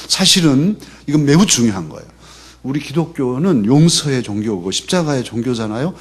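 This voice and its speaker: A man preaching a sermon as a church pastor, in a conversational way that often drops to a soft, low voice. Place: church sanctuary.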